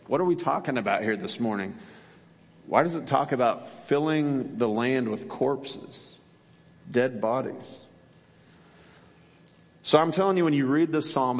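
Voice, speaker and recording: A man preaches from the pulpit in an easy, conversational tone of mid pitch. He keeps asking his listeners rhetorical questions. A long reverb from the large church space hangs on every phrase. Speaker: pastor. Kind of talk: sermon.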